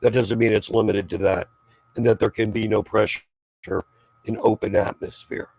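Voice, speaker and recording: Gravelly, husky man arguing, exasperated. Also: on the low side, flat delivery, moderate pace, darkish tone. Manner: exasperated, condescending, sweary. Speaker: debater. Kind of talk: argumentative informal debate.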